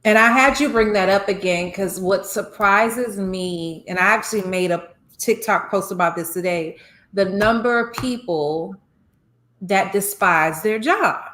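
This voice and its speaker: A woman hosting a podcast, asking her guest questions and telling her own anecdotes in an engaged, expressive way. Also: medium pitch, a little slow, echoey room. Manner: engaged, expressive, affirming with frequent mm-hmms. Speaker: podcast host. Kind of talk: casual interview conversation.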